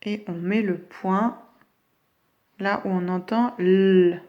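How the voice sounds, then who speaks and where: Slow-speaking teacher woman. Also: mid-range voice, steady tone, highs cut off. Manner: slow, drawn-out words for children. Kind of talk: phonics lesson for young children.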